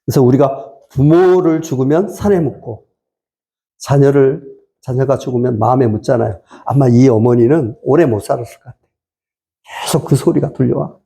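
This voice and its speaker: A male preacher giving a sermon in a church, swinging from quiet talk to impassioned, tearful cries. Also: medium pitch, normal speed, creaky. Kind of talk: sermon at a gospel meeting.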